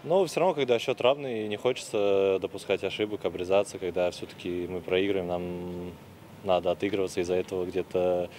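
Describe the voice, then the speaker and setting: A man's voice: deep voice, fairly even intonation, fairly quick, a little mellow. A man in his twenties, a hockey player giving a post-match interview in arena stands. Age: 20s. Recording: faint arena noise behind.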